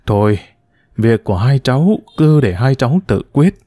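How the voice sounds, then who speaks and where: A man's voice: medium pitch, expressive, normal speed, warm tone, no echo, studio quality, lightly acted. A man doing a courteous, flustered old grandfather. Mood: polite. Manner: courteous and hesitant. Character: polite, flustered older grandfather.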